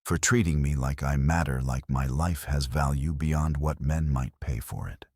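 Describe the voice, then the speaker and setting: A man voicing an exhausted young woman on the run, speaking quietly and earnestly in a storybook reading. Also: a bass voice, expressive, brisk, no echo, studio quality.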